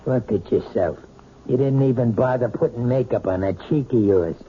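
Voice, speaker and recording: A man's voice: mid-range voice, normal speed, close to an everyday voice. An actor playing a bullying, short-tempered husband in a 1970s radio drama, blunt and scornful as he badgers. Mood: scornful, angry. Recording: noisy, dull old radio broadcast.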